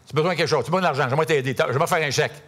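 A polite, courteous businessman with an Indian English accent, put on by a man. He speaks slowly and carefully, offering help in a friendly, measured way. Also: a little high, fairly bright tone, pitched above the performer's own voice. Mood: eager to help.

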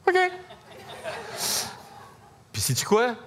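Speaking very slowly in a slightly bright voice, a middle-aged Québécois-accented pastor delivers his sermon like a chatty story, heavy with fillers. A little hiss or hum runs under the recording.

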